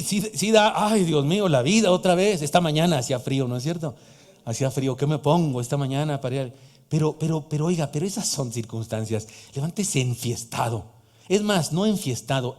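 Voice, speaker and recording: A man's voice: fairly high pitch, a little mellow. A man in his fifties with a Mexican accent, preaching a sermon as pastor, emphatic with joking asides to the congregation. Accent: Mexican Spanish. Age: 50s. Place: church hall. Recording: long hall reverb of a church.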